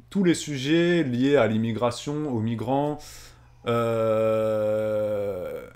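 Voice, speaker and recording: A man's voice: mid-range voice, a little mellow. A man from Réunion co-hosting a casual live stream, reading viewer comments and answering them earnestly, thinking aloud in long winding sentences. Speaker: streamer and co-host.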